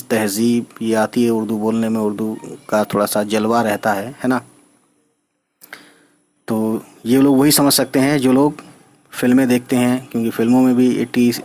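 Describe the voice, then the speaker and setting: Slow, patient man teaching reading. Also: medium pitch, a little mellow. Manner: patient, spells letters out slowly, often asks "right?". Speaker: Urdu teacher. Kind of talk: reading lesson.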